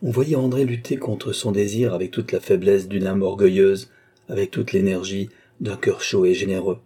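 A male narrator reading a classic novel with measured expression. His voice sits low and mellow, with a husky edge. The pacing is deliberate and literary. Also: fairly even intonation. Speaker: audiobook narrator.

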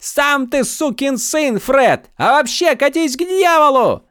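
A man's voice: very high-pitched, lively intonation, takes it slowly, dry recording, studio quality, voice pushed up, full character voice. A man doing a defiant, drunken young rogue. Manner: defiant, mocking yelling.

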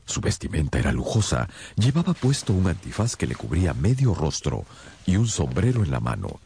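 An actor playing Doctor Watson, a courteous, loyal companion who also narrates a radio drama in a measured, earnest way. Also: male voice, a bass voice, big pitch swings, creaky, warm tone, slight background noise, heavily acted. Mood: measured narrating.

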